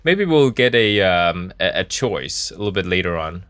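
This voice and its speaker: A man with a fairly low voice streams a game in a dry, close-sounding small space. He thinks aloud casually, wandering from remark to remark and joking in a laid-back way. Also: very animated, normal speed, fairly bright tone, smooth, no room sound. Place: small office in a camper.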